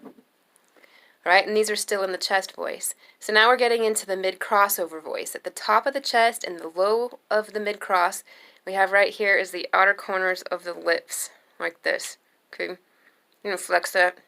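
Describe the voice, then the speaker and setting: A young adult woman giving a singing lesson, explaining slowly and calmly between sung demonstration notes. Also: medium pitch. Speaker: singing teacher.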